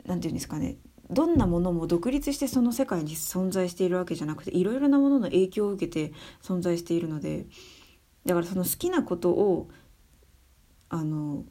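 A young adult woman giving her views in a casual spoken monologue, soft and thinking aloud with many fillers. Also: fairly low pitch, lively intonation, brisk. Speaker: speaker sharing views on education.

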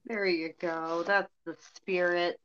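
Sarcastic lady cohost, swears a lot, lowish voice, muffled lo-fi audio. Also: flat delivery, slow, a bit bright, clean tone. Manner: sarcastic, teasing, swears casually. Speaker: podcast co-host. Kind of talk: casual podcast chat. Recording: dull lo-fi sound.

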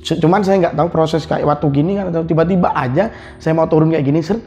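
A man who works as an online motorbike taxi driver, telling his experience in a casual, animated way, repeating himself and acting out sounds. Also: fairly high pitch, fast. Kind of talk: casual spoken storytelling. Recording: dull lo-fi sound with faint music.

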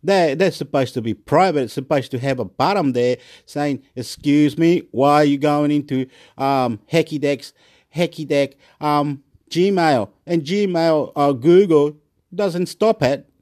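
A man from Chile rants to his camera, repeating himself and swearing as he works himself up. His voice sits a little high for a man. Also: unhurried, darkish tone. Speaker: YouTube vlogger. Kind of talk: rambling angry rant.

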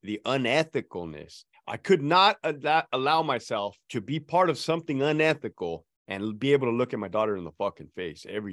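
A man's voice: mid-range voice, no echo, studio quality. A middle-aged man talking as a podcast guest in casual chat, blunt and earnest, swearing freely.

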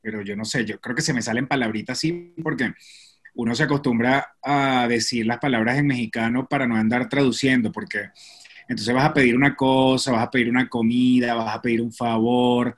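A man's voice: medium pitch, steady tone, fairly quick. Easygoing man chatting on a video call. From Venezuela. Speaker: pastor and actor, podcast guest. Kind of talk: casual podcast chat.

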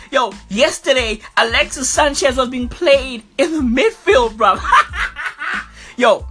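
A man with a bright, punchy voice delivers a taunting sports rant as a podcast host. He talks in heavy slang and hammers phrases by repeating them. Music plays behind him. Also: sits high, breathy edge. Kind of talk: animated sports fan rant.

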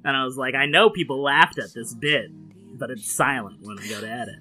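A woman's voice: extremely low pitch, a little fast, bright, forceful tone, faint music behind. A woman co-hosting a casual podcast, sardonic and sweary as she eggs the others on. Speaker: podcast co-host who edits the show. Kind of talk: casual bantering group chat.

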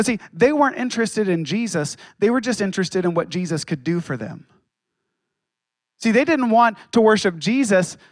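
A man preaches a sermon with a fairly high voice. He leans on dramatic pauses and acts out quotes. The sound is dry and close, with little room echo. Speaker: pastor.

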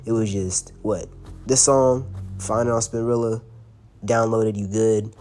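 A young man with a cold runs a laid-back solo podcast, sounding blocked up as he chats in loose slang, cursing plenty and laughing every so often. His pitch is fairly low, his intonation fairly even, and his pace measured, with a slightly mellow sound and a little background noise.

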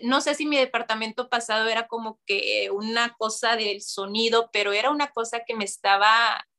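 A woman's voice: fairly high pitch, moderate pace. A woman, casually telling a story as a guest and acting out voices. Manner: animated, acts out voices, laughs often.

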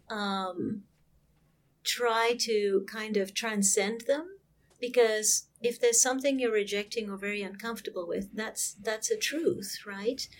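A woman co-hosting a casual podcast, giving thoughtful advice and sometimes searching for words. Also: medium pitch.

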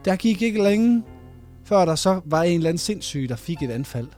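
A man co-hosting a casual chat, telling an animated story with plenty of laughs. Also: high-pitched, soft background music. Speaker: podcast co-host.

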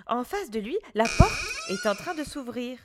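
A woman storyteller reading a children's story aloud, gentle and expressive. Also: fairly high pitch, normal speed, noisy background.

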